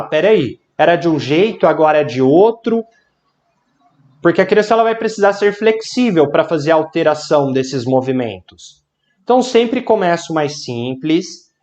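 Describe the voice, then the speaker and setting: A man teaching an online lesson, explaining activities and chanting a rhyme while clapping along. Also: high voice. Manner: lively and animated, chanting rhymes slowly between explanations.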